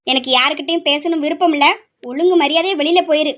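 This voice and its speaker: Woman voicing an enraged young woman, sharp, shrill, threatening, home-made family drama. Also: fast talker. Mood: angry. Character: furious young woman refusing her arranged marriage.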